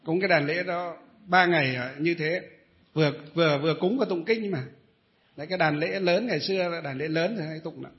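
A middle-aged Buddhist monk tells a long story to his listeners in a high voice. He rambles, pauses on fillers and throws questions at the audience. The recording sounds dull and lo-fi. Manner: rambling storyteller, many hesitations, addresses listeners. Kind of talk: storytelling dharma talk.

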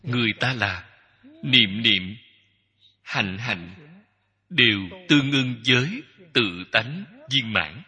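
A man giving a Buddhist dharma talk as a teacher, speaking in slow, measured short phrases that repeat. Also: medium pitch, lively intonation, sharp tone, breathy edge. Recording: long hall reverb.

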